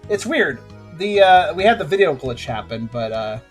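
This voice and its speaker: A man's voice: on the high side, big pitch swings, moderate pace. A man hosting a gaming video with casual let's-play commentary and wry, joking asides. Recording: light game music behind.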